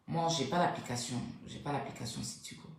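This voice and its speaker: Low-voiced woman telling a story in a very echoey room. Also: a little fast. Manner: animated, acts out what others said, pitch jumps up when excited; keeps voice soft, says she cannot speak loudly. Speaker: storyteller recounting a night out. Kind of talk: casual spoken storytelling.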